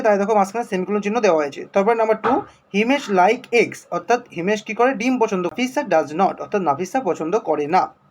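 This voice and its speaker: A man with a Bengali accent teaching a primary school English lesson, reading English examples slowly and then explaining them in Bengali. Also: high-pitched.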